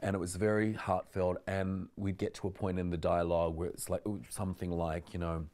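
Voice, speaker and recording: Sitting in an indoor living room full of bookshelves, a forties-aged male actor gives a casual, animated interview punctuated by plenty of laughter. His voice sits low and is slightly mellow, and he talks briskly in a level tone.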